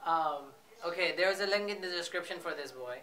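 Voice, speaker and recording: A man's voice: on the high side, a little fast, bright, forceful tone. A man casually reacting to short clips, chatty and laughing often. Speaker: reaction video host.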